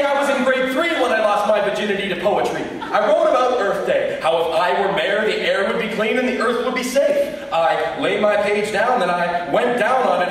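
A man's voice: high-pitched, a bit bright. A young man performing slam poetry on stage with a theatrical, rhythmic, emphatic delivery. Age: young adult. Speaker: slam poet. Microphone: microphone on a stand. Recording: echoey hall recorded from far off.

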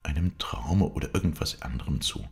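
A man reading aloud, raising his voice high to play a feverish, distraught noble lady who pleads insistently. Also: expressive, fairly quick. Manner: pleading, agitated falsetto lift.

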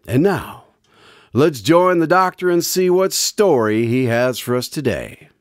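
A man's voice: fairly high pitch, lively intonation, unhurried, no room sound, studio quality. A man playing a cheerful, courteous radio announcer introducing and chatting in a radio drama. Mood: friendly.

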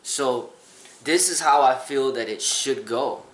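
A man's voice: medium pitch, slow pace, a bit bright, roomy sound, rough recording. A man in his thirties, a kung fu instructor, talking earnestly to the camera in a casual vlog, rambling with restarts. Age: 30s. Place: small indoor room with a sofa.

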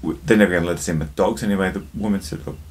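A man's voice: sits low, racing, a little mellow. A man hosting a casual drinks review vlog, chatty and jokey, talking straight to his viewers and telling a joke along the way.

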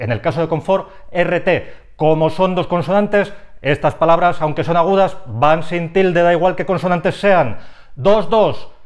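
A man explaining grammar rules in a clear, methodical way, calling out numbered headings. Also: on the high side. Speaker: language teacher.

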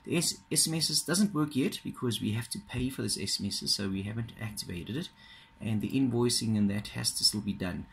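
A man giving a casual, halting walkthrough of a computer system, filmed with a phone pointed at the monitor. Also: lowish voice, vocal fry, breathy edge. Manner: casual, halting, many fillers and restarts. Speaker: software trainer. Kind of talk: screen-recorded software walkthrough. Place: indoors at a desk. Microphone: phone filming a monitor.

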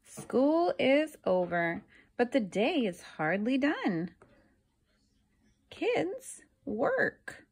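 A teacher reads a picture book aloud to children, her voice high and husky. She goes slowly and expressively, pausing deliberately between phrases and asking the listeners questions.

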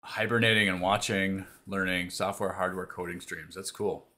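Low-pitched guy debugging live on stream, bright kinda sharp voice, thinking out loud and reading chat. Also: steady tone, moderate pace. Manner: thinks aloud while debugging, mutters to himself; reads and answers viewer chat. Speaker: developer hosting a live coding stream. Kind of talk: casual live coding stream talk.

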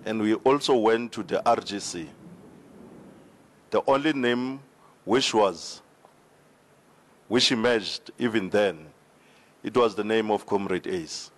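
South african guy on a panel, low voice, real slow and careful, handheld mic in a big hall. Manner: slow, measured, formal with hesitations. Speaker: regional party official on a panel. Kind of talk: town hall debate answer. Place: large indoor hall with seated audience. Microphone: handheld microphone.

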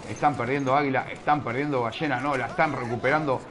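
A man's voice: medium pitch, steady tone, fast talker, noisy background. Rich: A man with a Rioplatense Spanish accent commentates a live shooter tournament as its streamer. He rattles on in a chatty, teasing way and ribs his viewers. His voice sits in a middle range, with faint game sound and gunfire underneath. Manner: chatty, teasing, scolds chat playfully.

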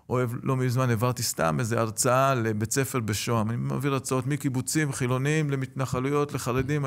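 A middle-aged man with a gravelly, fry-edged voice tells stories in an interview. He is a rabbi and lecturer, and his delivery is animated as he acts out the voices of the people he quotes. His pitch sits in an ordinary middle range. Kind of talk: storytelling in an interview.

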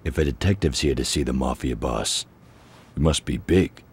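An actor playing a hot-tempered mafia boss locked up in prison, with a husky voice. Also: male voice, very deep voice, normal speed, exaggerated voice. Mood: calmed. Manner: explosive then grudgingly calm. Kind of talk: video game voice acting.

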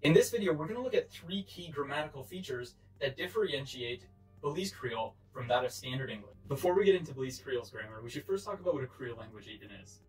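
A man in his twenties narrates an educational script at a fast clip. His delivery is formal and explanatory, with a mid-pitched voice. Faint music plays behind him. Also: lively intonation, a little mellow, low-quality recording. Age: 20s. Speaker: presenter.

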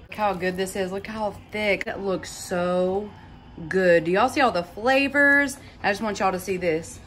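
A home cooking vlogger with a medium-pitched, fairly bright voice keeps a measured pace as she chats casually and folksily through a cook-along. She's in her home kitchen indoors, and the sizzle of frying and other kitchen noise come through clearly.

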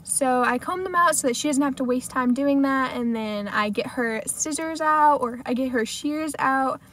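A salon assistant vlogger in her twenties, with an American accent, chats casually to the camera from inside a parked car, sprinkling in "like" often. Her voice sits high and fairly bright at a normal pace, with a little hiss or hum.

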